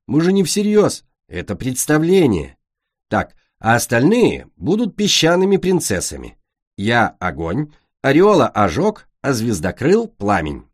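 A man's voice: medium pitch, wildly swooping pitch, a little slow, no room sound, studio quality. A man voicing a bossy young female dragon who directs the others' play in a storybook reading. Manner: commanding, dramatic.

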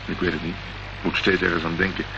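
Speaking fast with vocal fry, a low-pitched actor gives a flat delivery as the wry detective of a Dutch radio crime play, asking polite but pointed questions in a dry, probing mood. The old radio play recording is dull and noisy.

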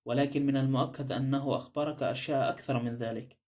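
A man's voice: mid-range voice, steady tone, fast, darkish tone, natural voice. A man voicing a touchy, cold male doctor in an audiobook drama, answering curtly and defensively. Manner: curt, cold.

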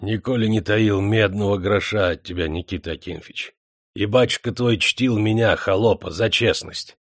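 A dignified old serf furnace worker in an audiobook, as a male narrator puts him on. He speaks cautiously in a low, measured voice and slips proverbs into his answers. The audio is dry and close. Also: dry recording.

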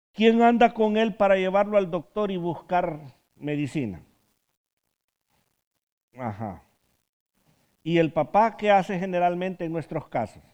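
Mujer que enseña en tono conversacional y animado. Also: female voice, on the low side, warm tone. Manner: asks the group questions, often adds a tag question at the end; tells stories from her own counseling work. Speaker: Bible study teacher. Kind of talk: conversational Bible study teaching.

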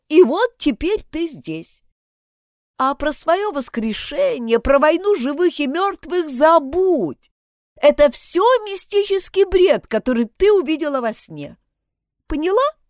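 A woman's voice: high voice, a little mellow, no room sound, clean studio sound, pitched above the performer's own voice. A woman voicing a stern, controlling female hospital nurse who talks in a curt, insistent, raised voice. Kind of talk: audiobook character voice.

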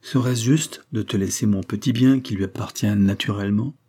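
A man's voice: on the low side, normal speed, a little mellow, breathy edge. A man reading aloud and voicing a frail, asthmatic old grandmother who speaks with earnest effort. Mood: pleading.

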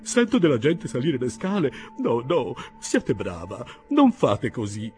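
A man reading an audiobook and voicing an earnest, easily flustered older gentleman who grows agitated and pleading. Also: on the low side, very animated, unhurried, soft background music. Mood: alarmed.

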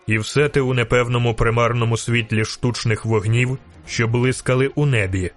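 A man narrating a fantasy audiobook with steady, vivid storytelling. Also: medium pitch, moderate pace, faint music behind.

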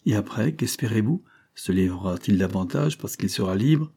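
Un homme qui lit, dans un livre audio, les répliques d'un juge d'instruction posé et interrogateur. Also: male voice, fairly low pitch, animated, moderate pace, gravelly, dark tone, slightly rough, full character voice. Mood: measured. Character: composed male examining magistrate. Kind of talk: audiobook character reading.

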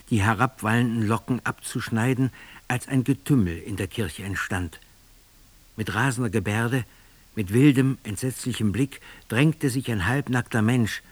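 A man's voice: lowish voice, no room sound. Male reader, gripping theatrical literary reading, close dry studio sound. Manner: intense, theatrical first-person reading.

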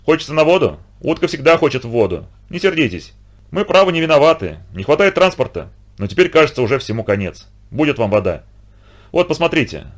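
A man's voice: on the high side, very animated, brisk, pitched above the performer's own voice. A man doing a hearty, pushy American colonel. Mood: jovial. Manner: hearty, coaxing, talks in a stream. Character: jovial pushy middle-aged American male colonel.

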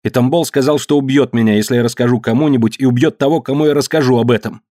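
A man's voice: mid-range voice, fast, mellow, no room sound, clean studio sound, voice pushed up, lightly acted. A man voicing a frightened but upright young man giving earnest testimony in a story reading.

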